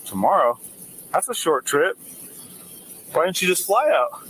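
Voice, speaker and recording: A man working as a police officer, firing brisk, probing questions at a driver during a traffic stop outdoors. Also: sits high, big pitch swings, a bit bright, poor audio. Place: outdoors by a roadside.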